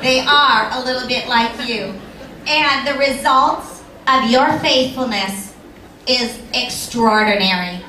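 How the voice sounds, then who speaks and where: A woman's voice: high-pitched, bright, forceful tone, roomy sound, far from the mic, slight background noise, poor audio. A woman giving an inspirational banquet speech, telling a story and asking the audience rhetorical questions. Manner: storytelling, reads verse aloud with rhythm. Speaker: banquet speaker. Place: banquet hall.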